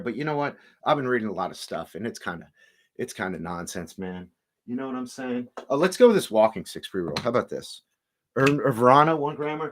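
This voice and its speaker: A man's voice: mid-range voice, fairly bright tone, a little hiss or hum. A man hosting a casual home livestream, rambling and stop-start as he greets viewers in the chat. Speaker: livestream host reviewing cannabis.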